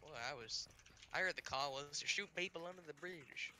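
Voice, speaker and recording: A man's voice: a little high, normal speed. A man in a game voice chat, laid-back and joking with his teammates. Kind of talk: gaming voice chat. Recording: loud game noise behind.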